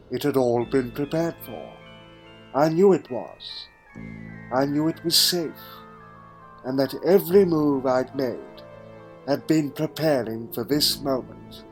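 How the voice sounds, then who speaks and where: A man acts out a weary hero of time travel, telling his story as audio drama. His delivery is slow, solemn and theatrical, in a medium-pitched voice. Faint music plays behind him. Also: close to an everyday voice. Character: the Fourth Doctor, weary male time-travelling hero recalling his fall. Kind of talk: dramatic first-person narration in fan audio drama.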